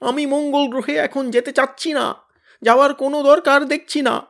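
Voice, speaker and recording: A man voicing a bossy, blustering teenage boy who leads his gang with loud scolding commands. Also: mid-range voice, normal speed, lightly acted. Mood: panicked wailing.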